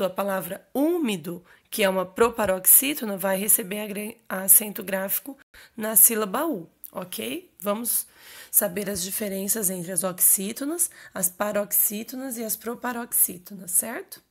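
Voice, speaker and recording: A woman's voice: mid-range voice, moderate pace. A woman teacher explaining grammar rules to her students, checking in often with short questions. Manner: explanatory, checks in with frequent "ok?" and "certo?". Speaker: Portuguese teacher. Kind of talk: recorded online grammar lesson.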